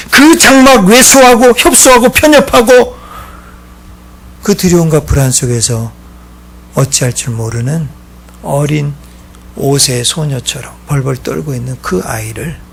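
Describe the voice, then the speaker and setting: A man preaching a sermon as pastor, swinging between loud exclaiming and hushed whispering. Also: on the high side, gravelly, a little hiss or hum.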